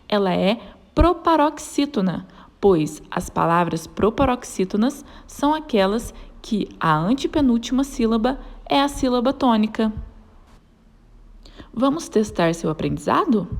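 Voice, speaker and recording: Woman, teacher narrating a lesson, animated intonation, clear deliberate delivery. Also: fairly high pitch. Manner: clear, slow stretched syllables when sounding out example words.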